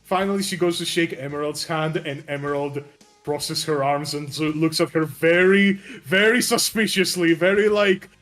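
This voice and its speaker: A man's voice: on the high side, normal speed, a bit bright. A man narrating a tabletop game as game master, casual and improvised, speaking to his players. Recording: music playing behind the voice. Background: background music.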